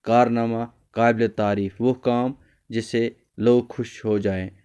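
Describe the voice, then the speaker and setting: Teaching a children's reading lesson, a man explains word meanings and repeats lines for his pupils, at times slipping briefly into Kashmiri. His voice is medium-pitched and level, mellow, clear and resonant.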